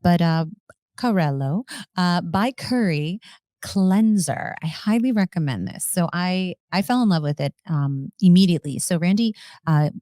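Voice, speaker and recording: A woman's voice: fairly low pitch, animated, a little slow, warm tone, dry recording, clean studio sound. A woman hosting a podcast in a casual, upbeat, chatty way, enthusing about products. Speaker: podcast host. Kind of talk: casual chat.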